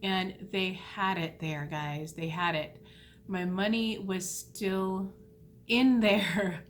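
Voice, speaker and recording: A woman vlogging in a casual, rambling way, retelling a mishap with animated, self-deprecating asides. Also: mid-range voice, slow, a little hiss or hum. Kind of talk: casual storytelling vlog.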